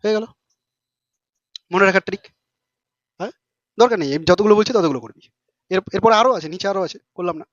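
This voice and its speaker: A man teaches a class at a rapid clip, fast, informal and full of quick questions to his students. His voice sits high. The recording is dry and a little dull. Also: no room sound. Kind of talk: classroom lesson.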